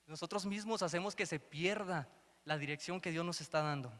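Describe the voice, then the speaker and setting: A man's voice: a little high, a little fast, fairly bright tone. A man preaching a sermon, telling a Bible story and acting out its dialogue. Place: church hall. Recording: long hall reverb.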